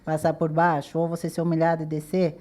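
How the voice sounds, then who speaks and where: A young woman chats as a podcast guest, rattling off stories at a quick clip. Her voice sits low and mellow, and she acts out the other people in her tales. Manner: lively storyteller, acts out quoted dialogue. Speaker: podcast guest, dancer and TV journalist. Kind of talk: casual interview chat.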